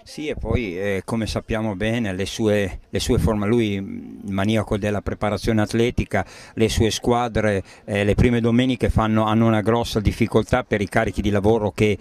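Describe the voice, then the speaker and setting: A man's voice: lowish voice, steady tone, moderate pace, hardly any pauses, darkish tone. A man giving tactical football commentary, often hesitant as he searches for words. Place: outdoors at a local football pitch.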